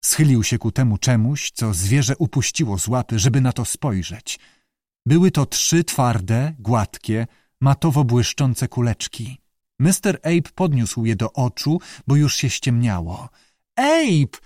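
A man narrating an audiobook in a lively, expressive storytelling manner. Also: medium pitch, a little slow, no room sound, studio quality. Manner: lively storyteller who acts out characters.

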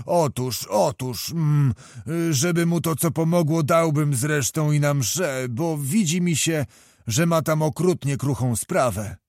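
A rambling, blustering older nobleman, pitched noticeably above the reader's own voice, as a male narrator puts him on. He hems and repeats himself, in a dry, close-sounding reading of an audiobook. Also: unhurried, darkish tone, dry recording. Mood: rambling, musing.

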